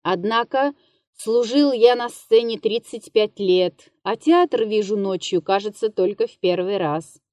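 A woman's voice: mid-range voice, measured pace, no echo, clean studio sound, natural voice. Woman voicing Kalkhas, a scared old actor. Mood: rueful musing. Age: 58 (figure). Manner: mutters, shouts in terror, then whimpers. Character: aging drunken male comic actor, frightened and maudlin. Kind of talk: literary audiobook reading.

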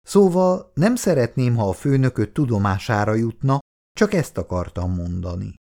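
A man reading an audiobook voices an easygoing man who talks in a gentle, coaxing way. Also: mid-range voice, animated, close to an everyday voice.

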